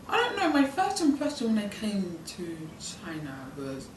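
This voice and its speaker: A nineteen-year-old British student intern, whose first language is British Sign Language, answers interview questions informally, hesitating and rambling with lots of ums and likes. Her medium-pitched voice swings hugely in pitch at a normal speed. The recording is echoey, with a distant mic and background noise.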